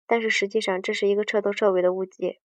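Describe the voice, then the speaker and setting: A woman reads aloud from a book at a fast clip, her medium-pitched voice barely varying in pitch. She stumbles often, going back to restart and correct herself mid-sentence, on a dry, dull recording that sounds distant.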